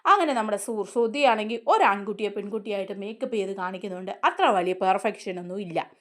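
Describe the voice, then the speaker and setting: A woman's voice: mid-range voice, expressive, brisk. A woman hosting a serial review, casually retelling the scenes in a chatty way and often turning to the listener. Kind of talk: casual storytelling recap of a TV serial.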